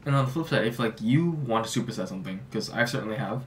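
A man's voice: lowish voice, quick pace, far from the mic, a little hiss or hum. Casual young man, slightly off-mic. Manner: relaxed, lots of "like" fillers. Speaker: fitness YouTuber. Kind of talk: casual talking-head advice. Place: small home office, indoors.

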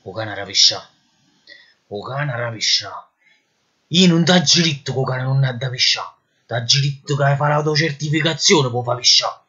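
A man's voice: mid-range voice, normal speed, bright, forceful tone, breathy edge. A man playing an exasperated, bullying police marshal with a Neapolitan accent, scolding and sarcastic in a comic parody dub. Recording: muffled lo-fi dub.

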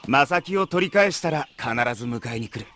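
A man's voice: on the high side, lively intonation, normal speed, a bit bright. A man voicing a hot-headed, loyal teenage schoolboy in an anime, with a brash delivery. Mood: exasperated. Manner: brash, exclamatory. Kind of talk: anime voice acting.

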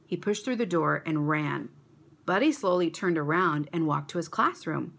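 A woman reading a children's story aloud to a church kids' club, expressive and animated. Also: low-pitched, moderate pace, vocal fry.

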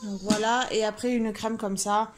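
In a casual vlog, a woman chats informally and thinks out loud while showing what she bought, first in her car and later in a room at home. Her voice is mid-range, with fairly even intonation and a moderate pace.

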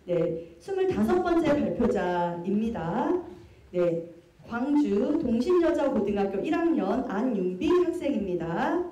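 A woman hosting a live contest, chatting briskly and dropping quick affirmations between her introductions. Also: fairly high pitch, very animated, warm tone, a little hiss or hum. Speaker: contest emcee. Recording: echoey hall, distant mic, faint audience.

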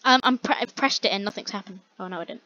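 A young woman giving rambling, exasperated commentary on a slow-loading online game while chatting with a friend. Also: medium pitch, pushed and bright. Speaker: gamer. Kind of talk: casual gameplay commentary. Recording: dull lo-fi dry recording.

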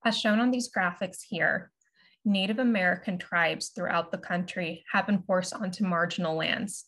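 A woman with a slightly low voice reads a prepared introduction at a steady, measured pace. She speaks over a video call from a room indoors, formal and composed as she leads into a panel discussion. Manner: measured, formal presentation of a written script. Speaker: moderator and curatorial assistant. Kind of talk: prepared talk read aloud.

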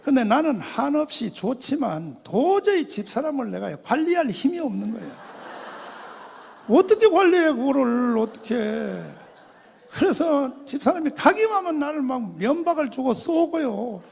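An older man giving a testimony sermon as a pastor, telling his story in an animated way, acting out quoted voices and laughing often. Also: extremely high pitch, unhurried, creaky, a little hiss or hum. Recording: long hall reverb.

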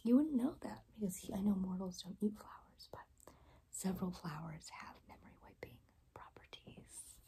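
A young woman in a whispered role-play as a caring rainbow fairy, speaking in a gentle, reassuring, breathy whisper. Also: mid-range voice, expressive, normal speed. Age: young adult. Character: caring, soft-spoken rainbow fairy guide. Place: small room indoors.

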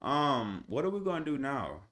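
A man's voice: medium pitch, normal speed. A young man hosting a live stream, chatting casually in slang with his viewers, with instrumental music playing behind him. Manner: laid-back slangy banter with chat, rising to excited hype.

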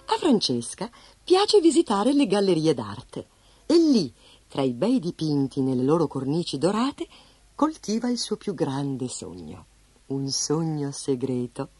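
Expressive woman storyteller. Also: low voice, a little slow, slightly rough, no room sound. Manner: expressive, sing-song reading. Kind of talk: scripted storybook narration. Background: soft background music.

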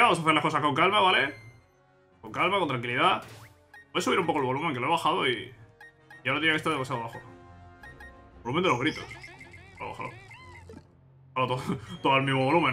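A man with a Spanish accent from Spain commentating a video game he plays, chatting to himself and his viewers with bursts of excitement. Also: mid-range voice. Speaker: gaming channel host. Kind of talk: casual let's play commentary.

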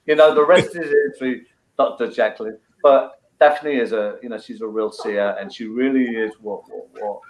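A man's voice: mid-range voice, steady tone, moderate pace. Cockney man in an echoey room. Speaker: guest. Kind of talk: casual chat. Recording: echoey room with faint noise.

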